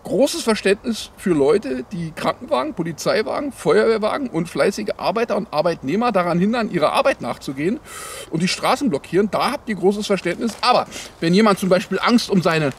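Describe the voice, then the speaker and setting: A man's voice: sits high, animated, fairly quick, a little hiss or hum. A man as a parody news anchor, improvising satirical headline commentary in a mock-naive, sarcastic, rambling way. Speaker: host of a satirical news show. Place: outdoors in the cold.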